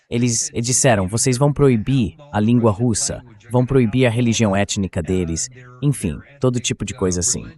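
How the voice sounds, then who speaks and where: In a translated voice-over, a Brazilian-accented man serves as an interview guest discussing politics. His mid-range voice has a darkish tone, and he explains his points conversationally.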